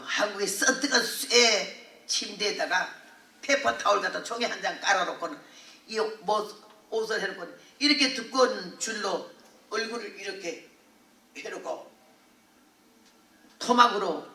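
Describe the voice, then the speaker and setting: An older woman missionary preacher telling a testimony in a revival sermon, earthy and animated with laughter. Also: medium pitch, moderate pace, long pauses. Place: large hall at a prayer retreat. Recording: echoey hall, voice from far off.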